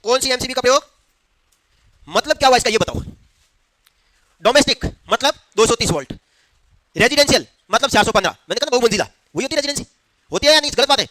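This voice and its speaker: A man's voice: very high voice, animated, fast, long pauses, sharp tone, no echo. A male teacher giving a classroom lecture, asking the class questions and answering them himself. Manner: quizzes the class, answers his own questions.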